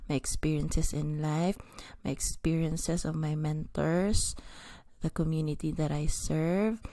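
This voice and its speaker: A woman's voice: low voice, fairly even intonation, a little slow, warm tone, no echo. A woman in her thirties with a Cebuano Filipino accent, giving an earnest motivational talk to camera at home, mixing English with Cebuano. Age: 30s. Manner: earnest, mixes English with Cebuano, repeats words. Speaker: vlogger. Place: small home room indoors. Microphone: podcast mic on stand, close.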